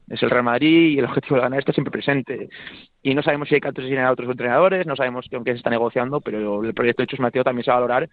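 A man's voice: mid-range voice, dry recording. A man phoning into a sports radio debate as a pundit. He talks emphatically and repeats phrases as he builds his points. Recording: tinny phone line.

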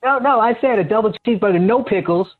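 A man calling in to a radio show who jokes as if he is ordering a burger at a drive-thru, in a playful, deadpan way. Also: sits high, fast talker, pitched above the performer's own voice. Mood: joking. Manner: playful, deadpan joke delivery. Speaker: caller, fellow radio host. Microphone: phone. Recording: tinny phone line into a radio studio.

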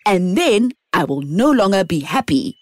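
A woman's voice: medium pitch, very animated, moderate pace, a little mellow, no room sound, studio quality. A woman voicing a cheerful, contented male oak tree in a storybook, sing-song and upbeat.

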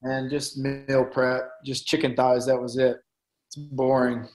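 A man's voice: mid-range voice, level tone, a little slow, darkish tone, rough recording. A man with a Tennessee accent chatting casually as an interview guest, in a laid-back, colloquial way. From Tennessee, United States. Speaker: guest, professional fighter.

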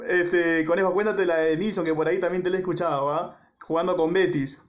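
A male interviewer prompts his guest and adds quick agreements. His voice is notably high. The sound is a little dull. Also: steady tone. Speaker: interviewer host. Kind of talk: casual sports interview.

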